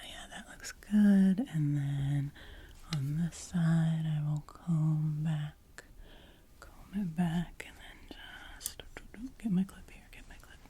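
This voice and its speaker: A woman performs a whispered role-play as a hairdresser, close to the microphone. Her whisper is low, breathy and mellow, with a very unhurried pace. She soothingly repeats short phrases in an ASMR style. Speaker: ASMR creator playing a hairdresser.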